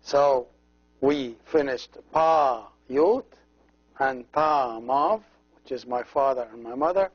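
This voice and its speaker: A man teaching a language lesson as a priest, slowly repeating each word and explaining how every letter is pronounced. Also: on the high side, slightly rough. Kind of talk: slow, patient language lesson. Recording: dull lo-fi recording.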